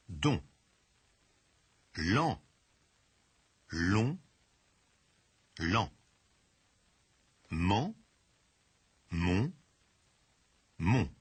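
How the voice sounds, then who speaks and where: A man with a low, husky voice reads language drills at a very slow, careful pace. His pitch moves a lot from word to word. The recording is dry and close. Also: no echo. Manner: deliberate, careful enunciation. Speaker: language course speaker. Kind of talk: slow, clearly read pronunciation drill.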